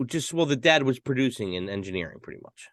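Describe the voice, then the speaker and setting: A man's voice: medium pitch, lively intonation, fast, fairly bright tone, no room sound, clean studio sound. A man co-hosting a casual podcast chat in an easygoing way. He laughs often and fills his sentences with "you know". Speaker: podcast co-host.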